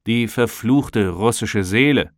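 A man's voice: lowish voice, takes it slowly, no echo, studio quality. A man reading an audiobook voices an annoyed, blunt policeman. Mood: grumbling. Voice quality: grumbling, blunt. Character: gruff annoyed German policeman.

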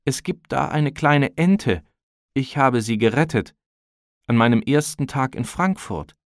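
A man's voice: medium pitch, lively intonation, a little slow, no room sound, studio quality, voice pushed up. A man reading an audiobook voices a shy, stammering Russian man who sounds embarrassed.

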